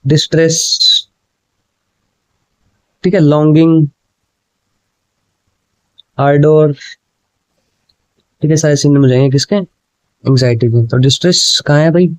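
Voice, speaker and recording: A man teaching an exam prep lesson in casual Hindi mixed with English. He reads the English exam sentences slowly, word by word, explains them in Hindi, and keeps checking in with the class. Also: a little high, steady tone, a little mellow, no room sound. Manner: explains in Hindi with English words, often says "ठीक है" and "भाई".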